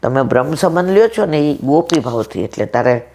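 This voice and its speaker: A woman in her sixties gives a devotional talk at a satsang, telling a story and voicing each character's lines. Her low voice is expressive and mellow, and she speaks a little fast.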